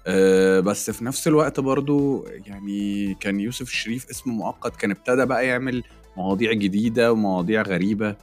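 Male co-host, Egyptian Arabic accent, fairly deep, brisk, informal chat with English mixed in. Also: faint music behind. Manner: mixes English phrases into Arabic. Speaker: podcast co-host. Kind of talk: casual chat between friends.

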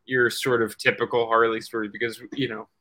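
Bright-toned man rambling through answers. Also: mid-range voice, flat delivery, fairly quick, rough recording. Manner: rambling, many restarts and "you know"s. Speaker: guest comic writer. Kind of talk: casual video-call interview.

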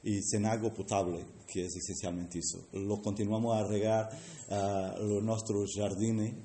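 A native Portuguese-speaking man with a Portuguese accent, giving a short public speech and haltingly searching for words. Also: lowish voice, little pitch movement, mellow. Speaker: guest speaker at an event. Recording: echoey room with faint noise.

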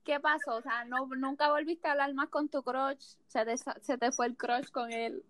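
High-voiced woman co-host. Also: fairly even intonation, moderate pace, a bit bright, no echo. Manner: reacting briefly and asking follow-up questions. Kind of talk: casual chat.

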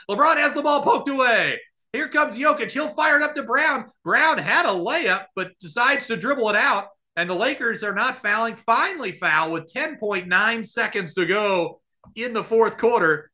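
A man with a fairly high-pitched voice calls a live basketball game as a radio play-by-play announcer, delivering it excitably.

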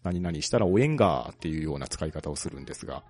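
A man co-hosting a podcast, explaining a topic calmly and methodically. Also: extremely low pitch, very fast, vocal fry, breathy edge. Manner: explains at length, calm and methodical. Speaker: podcast co-host presenting a local hero. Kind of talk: casual chat.

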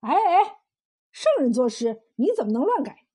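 A woman voicing a brash, hot-tempered young male disciple in a told folk tale, blustering loudly. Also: high-pitched, sing-song, moderate pace, breathy edge, full character voice. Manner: loud, blustering outbursts. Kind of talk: storytelling role voice.

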